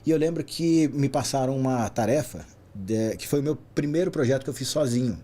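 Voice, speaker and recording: This Brazilian guest, a traffic safety specialist in his forties, walks through his career on a podcast with plenty of energy. His voice is medium-pitched, and he keeps tacking a quick "né?" onto the ends of his sentences.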